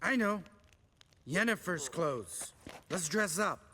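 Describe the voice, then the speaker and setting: A man's voice: sits high, lively intonation, takes it slowly, sharp tone, a little hiss or hum, heavily acted. An actor playing a sarcastic, crude witcher who mocks his friends. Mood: mocking. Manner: mocking, crude, sardonic. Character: gruff sarcastic witcher man, crude joker. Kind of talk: video game character dialogue.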